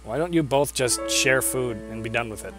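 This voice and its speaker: A man's voice: medium pitch, normal speed, over music. A man hosting a let's play, chatting and joking over the game's dialogue. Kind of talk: casual game commentary.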